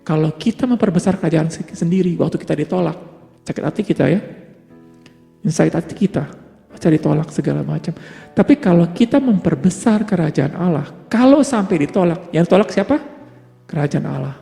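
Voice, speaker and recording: A man's voice: fairly high pitch, expressive, a little fast, gravelly, warm tone. A man preaching a sermon, asking rhetorical questions and answering them himself, building to emphatic peaks and dropping English words into his talk. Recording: long hall reverb with faint music behind.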